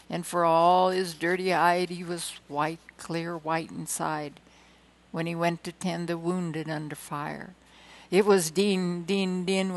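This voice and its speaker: A woman reading poems aloud with dramatic emphasis, slowing and swelling on key lines, with hesitant asides between poems. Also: fairly low pitch, poor audio. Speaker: poetry reader.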